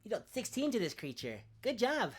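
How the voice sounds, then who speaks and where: A woman's voice: mid-range voice, big pitch swings, brisk, a little hiss or hum. A woman running a tabletop game as game master, playful and often laughing.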